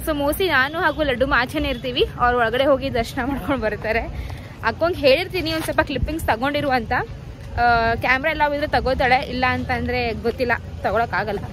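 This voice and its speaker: A woman's voice: high voice, fast, background noise. A young woman vlogging casually with her family, talking straight to her viewers as friends. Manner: chatty, addresses viewers as friends.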